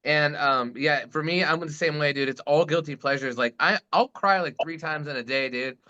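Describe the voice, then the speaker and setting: Bright-voiced, excitable man hosting an interview. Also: on the high side, moderate pace. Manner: excitable, slangy bro talk. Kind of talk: casual chat. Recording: dull lo-fi sound.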